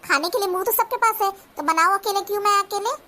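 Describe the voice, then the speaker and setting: Cartoon daughter-in-law, very high bright voice, argues back, voiced by a woman. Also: quick pace. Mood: defiant. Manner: retorting, argumentative. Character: young daughter-in-law, sharp-tongued, defiant. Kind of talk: cartoon voice acting.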